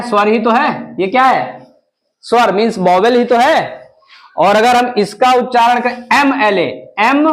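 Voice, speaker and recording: A man teaching English grammar in a classroom style, mixing Hindi with English terms and asking and answering his own questions. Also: high-pitched.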